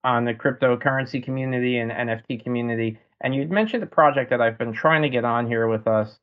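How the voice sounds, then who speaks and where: A man hosting a casual interview, relaxed and rambling with frequent "um" and restarts. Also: medium pitch, quick pace, phone-quality sound. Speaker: podcast host.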